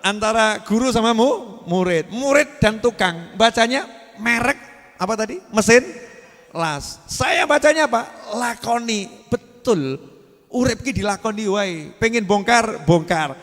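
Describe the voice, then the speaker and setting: A man's voice: high-pitched, animated, unhurried, a bit bright, long reverb tail. A man with a Javanese-tinged Indonesian accent preaching a humorous sermon, teasing his listeners and slipping into Javanese phrases. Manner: playful, teasing the audience, drops into Javanese phrases.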